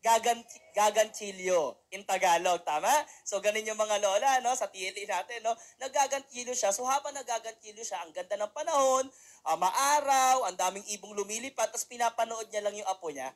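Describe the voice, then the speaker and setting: A woman's voice: medium pitch, fairly quick. Woman seminar speaker, chatty storyteller, audience-engaging. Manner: chatty, keeps asking the audience for responses. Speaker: motivational speaker.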